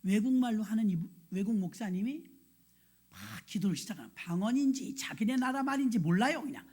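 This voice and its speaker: A woman's voice: fairly high pitch, a little fast, breathy edge. A woman pastor giving a sermon, telling a personal story and acting out scenes and her own thoughts. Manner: animated, acts out scenes and quoted thoughts. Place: church sanctuary.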